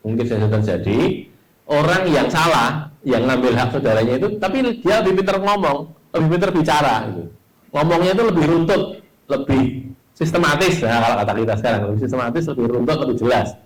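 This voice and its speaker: A man's voice: mid-range voice, low-quality recording. A middle-aged man with a Javanese accent, teaching a hadith study class. He reads the Arabic phrase by phrase, then explains it in casual, chatty speech. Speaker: Islamic teacher.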